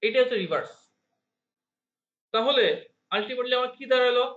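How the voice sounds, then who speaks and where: A man's voice: extremely high pitch, normal speed, fairly bright tone. A man teaching a networking class. He quizzes his students, asks them to repeat terms aloud and counts digits out one by one. He speaks with a Bangladeshi Bengali accent. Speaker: networking instructor. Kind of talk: classroom lecture. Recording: roomy, slightly dull classroom recording.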